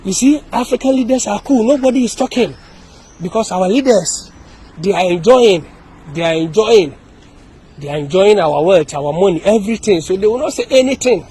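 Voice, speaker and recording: A Ghanaian man with a Ghanaian accent speaks to camera as an activist in an impassioned video message, his voice high, warm, slightly rough, and expressive at normal speed. He is emphatic and repetitive, restarting his sentences often, and the audio quality is poor.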